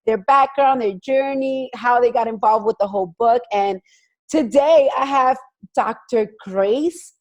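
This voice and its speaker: A woman's voice: fairly high pitch, a little slow, a little mellow. A woman hosting an interview over a video call, chatty and enthusiastic. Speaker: host. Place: home, joining by video call.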